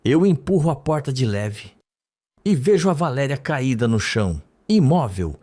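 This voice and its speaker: A man's voice: mid-range voice, big pitch swings, moderate pace, mellow. A man reading the lines of a frightened young woman recalling a scene under hypnosis, in a dreamy, trembling way, for a soap opera recap. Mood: tense. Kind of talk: read-aloud soap recap.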